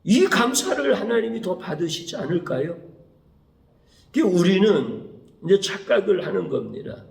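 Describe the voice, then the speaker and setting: A male pastor preaching a Wednesday sermon in a lively way, acting out prayers in a pleading voice. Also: high-pitched, moderate pace, vocal fry. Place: church sanctuary. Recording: echoey church room.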